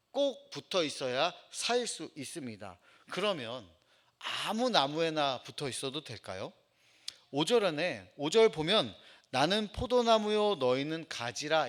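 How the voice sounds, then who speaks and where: A middle-aged male pastor delivers a sermon in a church. His voice sits a little high and sounds bright and forceful. He swings his pitch widely and keeps putting questions to the congregation. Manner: expressive preaching, asks the congregation questions and acts out quoted voices. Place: church sanctuary.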